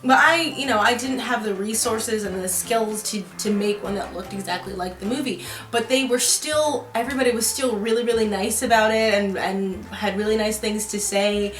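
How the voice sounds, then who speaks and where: A woman's voice: medium pitch, normal speed, fairly bright tone, faint music behind. Rambling young woman in a roomy room. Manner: rambling, filler-heavy, with many restarts. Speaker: vlogger. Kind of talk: casual chat. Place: room in her apartment. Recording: roomy echo.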